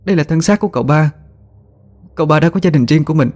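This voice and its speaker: A man's voice: a little high, fast, a little mellow, pitched above the performer's own voice, natural voice. A man voicing a frightened young wife in a ghost story, stammering and tearfully pleading.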